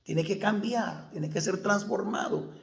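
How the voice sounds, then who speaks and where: A man's voice: high voice, a little slow, gravelly, echoey room. A male pastor preaching a sermon, asking the congregation questions and answering them himself.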